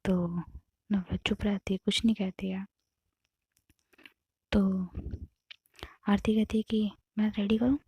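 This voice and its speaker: Softly whispering woman storyteller. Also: medium pitch, flat delivery, slow pace, long pauses, breathy edge, dry recording. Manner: often drops to a soft whisper. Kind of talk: casual spoken storytelling.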